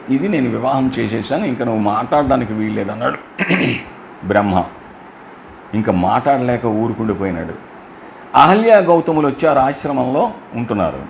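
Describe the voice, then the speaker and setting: A man's voice: medium pitch, a little hiss or hum. A man giving a religious storytelling discourse, explaining verses line by line and asking his listeners rhetorical questions. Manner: chants verses in slow drawn-out melody.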